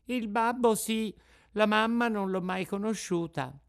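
Shrill wailing puppet boy. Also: measured pace, vocal fry. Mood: plaintive. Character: small desperate wooden puppet boy. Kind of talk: audiobook reading.

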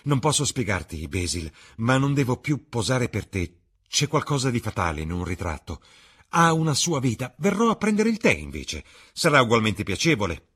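A man voicing a charming, evasive young man in an audiobook reading, lifting his voice higher and livelier than his narration. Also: moderate pace, breathy edge. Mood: light, evasive. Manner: bright, animated, higher-pitched delivery.

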